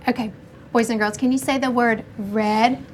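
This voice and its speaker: A woman's voice: a little high, steady tone, moderate pace. A woman primary school teacher leading an interactive writing lesson, prompting children with instructions and questions. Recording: noisy classroom ambience. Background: room noise and young children.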